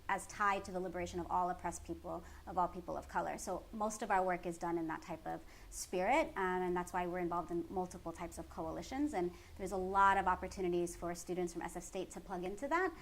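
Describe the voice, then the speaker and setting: A woman from the San Francisco Bay Area, United States, speaking with a Californian American accent and a fairly low pitch, gives articulate, earnest interview answers explaining her work as a community organizer. The background ambience is clearly noisy.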